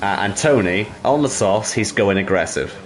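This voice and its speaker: A man with a lowish voice breaks down pit strategy and standings. His humour is dry and understated. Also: expressive, moderate pace, soft background music. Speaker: race commentator. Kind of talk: live sim racing commentary.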